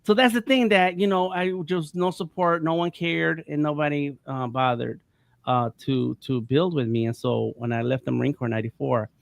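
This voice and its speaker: A man's voice: fairly high pitch, normal speed, creaky, dry recording, clean studio sound. A man in his fifties from the United States, talking casually on a panel, rambling with many restarts. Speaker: panel guest.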